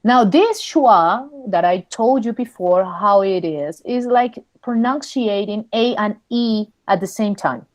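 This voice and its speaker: A woman's voice: medium pitch, expressive, no room sound. Woman, English teacher, mid-range voice, patient, drills vowels, code-switches. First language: Spanish. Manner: patient, models sounds slowly and repeats them; switches between English and Spanish. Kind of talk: online pronunciation class.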